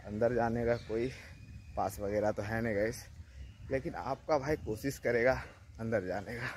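A man's voice: medium pitch, normal speed. A young man with a Bihari Hindi accent, chatting casually as he walks to a gun factory for his vlog and saying "guys" in nearly every line. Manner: chatty, says "guys" constantly; drops to a hushed voice near guards. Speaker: travel vlogger. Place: outdoors on roads and near a factory gate. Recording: noisy outdoor phone recording.

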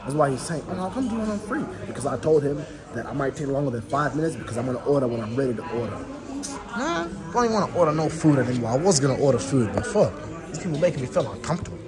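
A man's voice: medium pitch, sing-song, racing, a crowd in the background. A young man vlogging into a phone in a restaurant, muttering agitated and swearing a lot. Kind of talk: casual vlog, talking to camera. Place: busy indoor restaurant. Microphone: phone camera held at arm's length. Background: diners chatting.

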